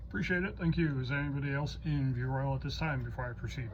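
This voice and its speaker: A man acting as net controller rattles quickly through a ham radio roll call in a medium-pitched voice. His patter is informal and procedural with some hesitation, and the recording is muffled and lo-fi with audible noise.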